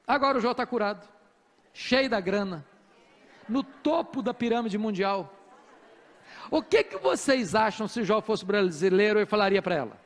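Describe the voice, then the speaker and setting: A Brazilian pastor preaching an animated, humorous sermon to a congregation in a church. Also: male voice, high-pitched, normal speed, long pauses, long reverb tail. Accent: Brazilian Portuguese. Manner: animated preaching, acting out quoted voices with humor.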